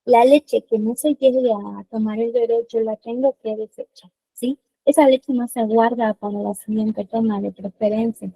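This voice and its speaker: A woman's voice: fairly high pitch, fairly even intonation, normal speed, gravelly, dark tone, husky, no room sound, low-quality recording. A woman giving a webinar lecture on newborn care, explaining step by step and often checking in with listeners.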